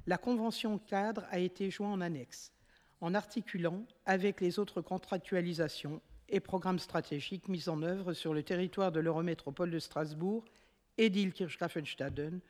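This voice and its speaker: A woman's voice: lowish voice, big-room sound. Woman reading a formal council report. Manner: steady, measured reading with occasional self-corrections. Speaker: municipal councillor presenting a motion. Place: city council chamber.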